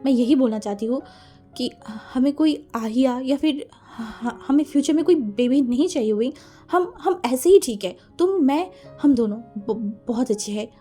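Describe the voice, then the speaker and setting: A woman voicing a serious, reserved young man who speaks quietly and hesitantly. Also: high-pitched, lively intonation, normal speed, faint music behind.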